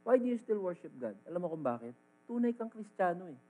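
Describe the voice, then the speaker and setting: A man with a Filipino accent preaching a sermon as pastor, swinging between loud emphatic lines and quiet asides. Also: high-pitched, very animated, brisk, poor audio.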